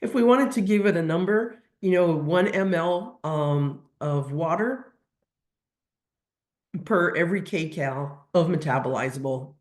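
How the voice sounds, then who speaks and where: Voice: mid-range voice, echoey room. A veterinary technician giving an educational webinar lecture while suffering from a cold, explaining step by step with frequent ums and restarts. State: has a cold.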